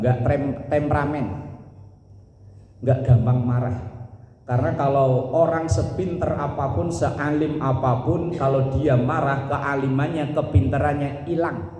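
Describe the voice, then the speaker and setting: The voice is a middle-aged man, a little high-pitched but mellow in tone. He tells jokey stories in a mosque sermon, acts out other people's lines and sometimes breaks into sudden loud bursts. The sound rings out with a long, echoing reverb from the hall. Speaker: preacher.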